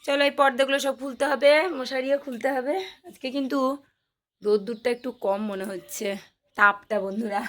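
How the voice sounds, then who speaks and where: A woman's voice: fairly high pitch, steady tone, normal speed. A woman chatting casually to her viewers in a home family vlog, coaxing her small children along the way. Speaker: mother and family vlogger. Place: at home, bedroom then rooftop.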